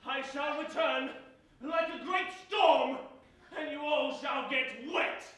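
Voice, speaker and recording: A hammy young stage lover, declaims pompously in farce style. The voice is very high-pitched, heard from afar in a very echoey space. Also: male voice, takes it slowly, a bit bright, heavily acted. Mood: grandiose defiance. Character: lovestruck, pompous young would-be actor. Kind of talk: theatrical farce acting. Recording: echoey stage, distant mic.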